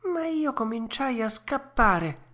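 Woman doing Pinocchio, squeaky excitable puppet boy. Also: takes it slowly, exaggerated voice. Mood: agitated. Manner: high, excitable childlike voice. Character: wooden puppet boy, impulsive and emotional.

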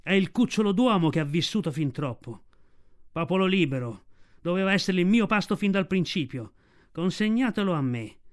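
A man's voice: sits high, expressive, normal speed. A man doing a growling, hateful tiger. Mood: contemptuous. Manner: growling, contemptuous. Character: male tiger, menacing, hateful and scheming.

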